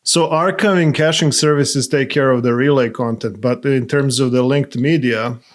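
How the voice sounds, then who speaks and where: A man's voice: mid-range voice, normal speed. A man guesting on a tech podcast, matter-of-fact about his project and teasing the host. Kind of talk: casual tech chat.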